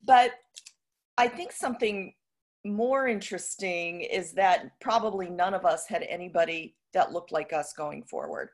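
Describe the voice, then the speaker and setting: A woman's voice: lowish voice, unhurried. Woman guest, emphatic storyteller, keeps adding tag questions. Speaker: guest surgeon. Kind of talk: storytelling in an interview.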